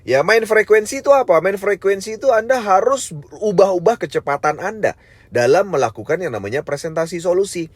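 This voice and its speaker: A network marketing trainer leads an online sales training lecture, deliberately swinging his pitch high and low and his pace fast and slow. He's animated, often tacks the tag "ya" onto his sentences, and calls his listeners "sahabat sekalian." There's no echo.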